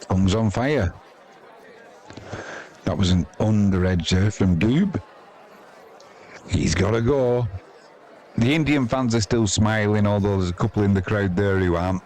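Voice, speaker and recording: With a lowish, darkish voice, this unhurried Englishman pauses often while delivering informal live cricket commentary as a commentator and stream host. His asides are wry and colloquial, and a stadium crowd can be heard in the background.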